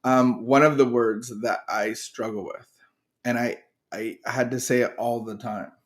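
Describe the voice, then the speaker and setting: A middle-aged man co-hosting a podcast, chatting in a joking, easygoing way. His pitch sits in a middle range for a man. He often trips over his words and starts his sentences again. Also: steady tone. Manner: playful, joking, halting with restarts. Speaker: podcast co-host. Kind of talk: casual chat.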